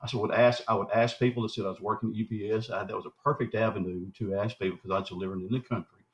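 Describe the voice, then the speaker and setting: In his 60s and from southwestern Arkansas, this Bigfoot researcher is a guest in a rambling interview, telling long folksy stories and acting out quoted dialogue. His voice is on the low side, steady in tone, and racing, captured on a dull lo-fi recording.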